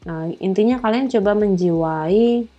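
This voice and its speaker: A woman teacher with an Indonesian accent, explaining an English lesson in a casual way, with many fillers, and reading English words slowly. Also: medium pitch, warm tone, muffled recording.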